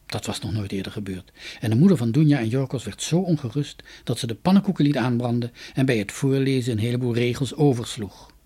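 A man reading a fairy tale aloud, with calm, soft storybook narration. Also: mid-range voice, fast talker, slightly rough.

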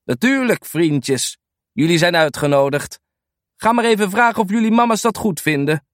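A man's voice: sits high, expressive, moderate pace, dry recording, clean studio sound, voice pushed up. A man voicing a kindly older man who walks with a rollator, in a children's storybook.

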